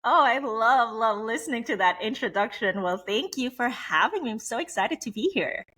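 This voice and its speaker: A woman's voice: fairly high pitch, expressive, moderate pace, a bit bright. A middle-aged woman from Switzerland, a business coach interviewed as a podcast guest, telling her story candidly. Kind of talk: conversational interview.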